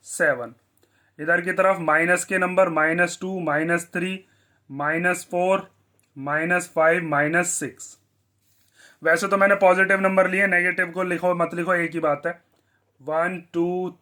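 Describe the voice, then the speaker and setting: High, bright-voiced male maths teacher. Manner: asks the class questions and answers them himself. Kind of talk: blackboard maths lesson.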